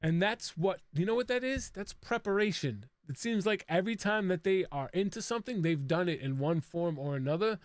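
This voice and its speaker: A man's voice: sits high, animated, a little fast, few pauses, dry recording. A man co-hosting a casual recap show, talking in a chatty way and laughing often mid-sentence. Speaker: podcast co-host.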